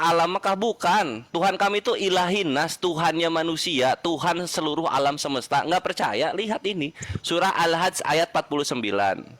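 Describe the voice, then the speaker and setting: A man's voice: a little high, fairly bright tone, no echo. A man taking part in a heated online debate, swinging between mocking taunts and a lecturing tone.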